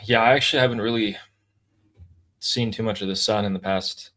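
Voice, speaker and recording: A man's voice: lowish voice, fairly even intonation, a little fast, fairly bright tone. Dry-humored young man reading chat. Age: 20s. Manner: dry, teasing, reads out viewer messages. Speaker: live-stream host reading viewer messages. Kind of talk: casual live-stream chat.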